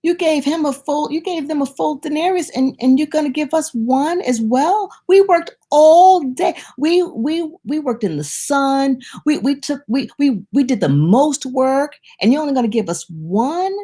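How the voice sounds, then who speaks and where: Grumbling male laborers, put on by a woman, their voices pushed up high into shrill, stammering exclamations of outrage. Underneath the strain there is a gravelly, darkish grain to the voice. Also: big pitch swings, extremely slow, pauses often, dark tone, heavily acted. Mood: indignant. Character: indignant male day laborers, grumbling, shocked.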